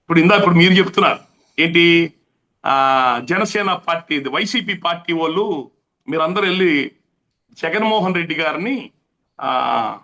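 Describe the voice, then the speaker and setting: A man's voice: fairly high pitch, normal speed, long pauses, sharp tone. A man speaking as an interview guest in heated interview talk, impassioned and emphatic, repeating his points for force. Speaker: interview guest, political activist.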